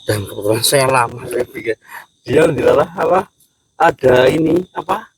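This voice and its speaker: Soft-spoken gravelly man. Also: mid-range voice, slight background noise, poor audio. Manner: soft, hesitant, halting speech.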